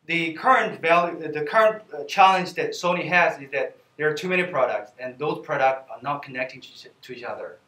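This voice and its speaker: A man from China, giving a team business presentation in a measured, deliberate way. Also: on the high side, sharp tone. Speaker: student presenter. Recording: roomy, distant mic.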